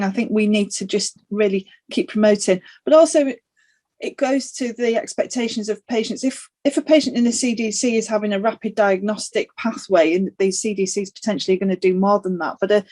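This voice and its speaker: A woman's voice: mid-range voice, darkish tone. Earnest woman sonographer on a panel. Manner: earnest, emphatic, some restarts. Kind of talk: panel debate answer. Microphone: video call.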